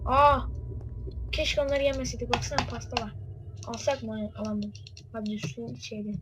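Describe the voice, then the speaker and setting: High-voiced excitable woman gamer. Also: normal speed, heavy background noise. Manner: excitable, jokey, casually swearing. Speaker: let's play gamer. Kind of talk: casual gaming commentary.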